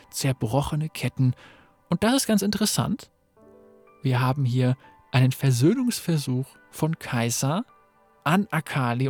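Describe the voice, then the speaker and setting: Man reading a game story, slow, lively pitch, husky, curious comments. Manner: curious, reacting aloud.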